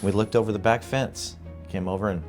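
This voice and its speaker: A man's voice: lowish voice, fairly quick, faint music behind. A middle-aged man, a guest co-owner of a funeral home, telling stories in a casual interview with frequent laughs and restarts. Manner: animated anecdotes, laughing often, restarts mid-sentence.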